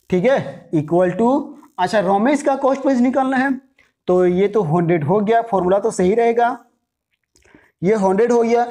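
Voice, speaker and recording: A man's voice: high-pitched, darkish tone. A man teaches a commerce math lesson in a chatty, friendly way. He keeps checking in with short tag questions and coaxes his students to call out their answers. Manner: chatty, repeats "theek hai", coaxes viewers to answer aloud.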